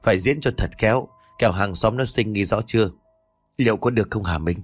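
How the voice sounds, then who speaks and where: A man's voice: on the low side, brisk, no room sound, soft background music, natural voice. A man voicing a scheming, callous eldest son who snaps orders. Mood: bossy. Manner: bossy, snapping orders.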